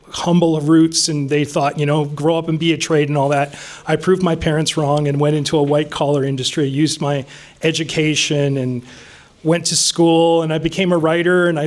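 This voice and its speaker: A man in his fifties, speaking from the top of his head to a room of listeners. His voice sits a touch higher than most men's, and he talks earnestly and plainly, with plenty of ums and small restarts. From Vancouver, Canada. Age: 50s. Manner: off-the-cuff, earnest, frequent ums. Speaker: city council candidate. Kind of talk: unscripted campaign speech. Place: meeting room with an audience.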